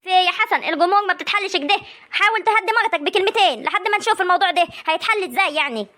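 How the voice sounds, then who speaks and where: A woman's voice: very high voice, lively intonation, bright, forceful tone, heavily acted. A woman with an Egyptian accent playing an older village mother in a comic family drama, scolding and trying to make peace. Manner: chiding, soothing, fast talk. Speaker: mother and aunt in a family feud.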